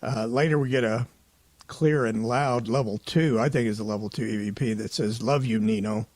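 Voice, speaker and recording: The host of a paranormal investigation show, a man, gives a relaxed recap in voice-over, talking casually and qualifying his opinions often. His voice is mid-range and his speed normal.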